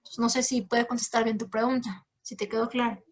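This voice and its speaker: A woman lectures and fields questions from students. Her voice sits a little high, and she explains patiently, leaning often on fillers. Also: fairly even intonation, a little fast, slightly rough. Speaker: guest lecturer. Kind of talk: academic talk answering questions.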